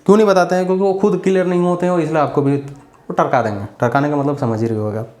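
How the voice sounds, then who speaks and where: A man's voice: fairly high pitch, fairly even intonation, fast talker, darkish tone, roomy sound. A man giving a casual grammar lesson, chatty and repetitive as he drills examples. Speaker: English grammar teacher.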